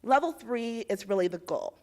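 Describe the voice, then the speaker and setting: A young woman from Indiana presents a rehearsed policy pitch in a slightly high voice. She lays out facts and figures in a clear, measured, persuasive way. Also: animated, a little mellow.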